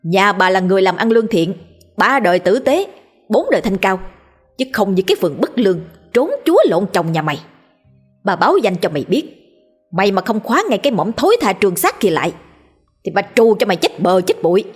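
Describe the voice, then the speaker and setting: A woman voicing a foul-mouthed village wife who hurls rapid, shrill curses at a neighbour. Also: big pitch swings, husky, soft background music. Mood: ranting. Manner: shrill rapid cursing tirade.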